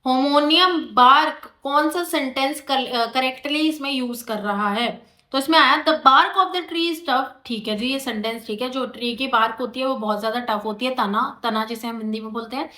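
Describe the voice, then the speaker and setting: Bright high-voiced woman teacher. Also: steady tone. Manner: explains patiently, addresses students informally, reads English slowly. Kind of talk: exam-prep vocabulary lecture. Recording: echoey room.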